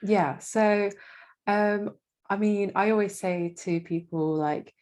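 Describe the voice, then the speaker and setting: A woman's voice: medium pitch, takes it slowly, darkish tone. A young woman from Indonesia, a freelance marketing manager, answering interview questions in a casual, hesitant way with many fillers and restarts.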